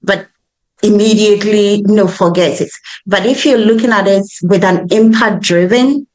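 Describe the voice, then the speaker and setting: A woman's voice: medium pitch, steady tone, moderate pace, darkish tone, poor audio. A woman with a West African, Ghanaian accent, answering interview questions earnestly and emphatically, often checking in with "right?". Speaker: school founder, interview guest.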